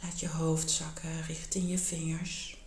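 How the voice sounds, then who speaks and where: Slow, soft-spoken woman guiding meditation. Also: low-pitched, slight background noise. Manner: slow, calm and soothing, often half-whispered. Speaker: yoga and meditation teacher. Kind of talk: guided meditation and yoga instruction. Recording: echoey room.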